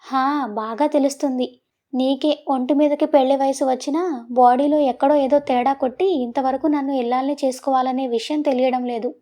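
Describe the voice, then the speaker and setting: A woman's voice: high-pitched, steady tone, brisk, warm tone, natural voice. A woman voicing a bold young woman teasing and pushing the man she loves in a romantic audio story, coaxing and playful. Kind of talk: storybook voice acting.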